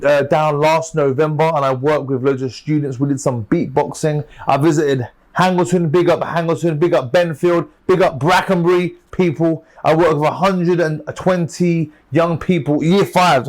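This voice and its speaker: Upbeat man teaching beatbox basics. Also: on the high side. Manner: upbeat, shouting out to young fans. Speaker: beatbox workshop leader. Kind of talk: leading a call-and-response beatbox lesson.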